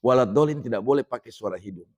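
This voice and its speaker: In a mosque, a middle-aged Indonesian man delivers a religious lecture, speaking conversationally to the men gathered and reciting Arabic phrases slowly. His voice is mid-range and somewhat dark, with lively intonation.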